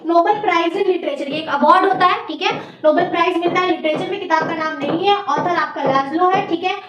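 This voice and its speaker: Loud-voiced young Indian woman teaching. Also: very high-pitched, brisk, roomy sound, recorded from a distance, a crowd in the background, rough recording. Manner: talks loudly over background noise, many "theek hai" checks. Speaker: coaching teacher. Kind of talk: exam-prep class lecture. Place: teaching room near construction work.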